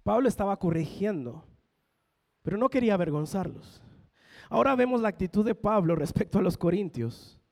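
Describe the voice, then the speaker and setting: A man's voice: sits high, animated, normal speed, vocal fry, darkish tone. A young man, preaching a sermon as a pastor, building emphasis and acting out the voices he quotes. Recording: long hall reverb from a church.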